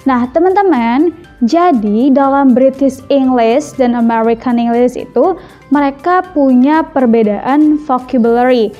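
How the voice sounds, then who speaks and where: Indonesian english teacher lady, slow and careful, repeats each word, kinda muffled recording. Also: high voice, soft background music. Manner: mixes Indonesian and English, repeats words slowly for drill. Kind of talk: classroom vocabulary lesson.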